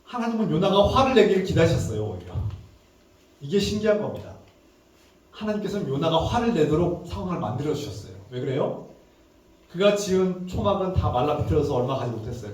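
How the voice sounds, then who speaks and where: A man's voice: fairly high pitch, darkish tone. Preaching man in a very echoey hall. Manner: emphatic preaching, acts out angry prayers in a raised voice. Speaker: pastor. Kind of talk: sermon. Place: church sanctuary. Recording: echoey church hall, mic at a distance.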